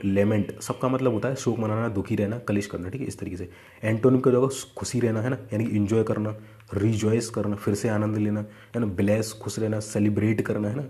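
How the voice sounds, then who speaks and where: A young man teaches exam vocabulary in an easy, chatty way. His voice sits low and mellow, and he keeps asking his students whether they follow. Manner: conversational, repeats 'है ना' and 'ठीक है'. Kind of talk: casual Hindi lesson.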